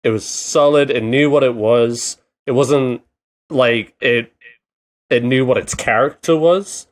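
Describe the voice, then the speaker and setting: A man co-hosting a podcast in casual chat, talking in a rambling, halting way with many fillers. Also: mid-range voice. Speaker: podcast co-host.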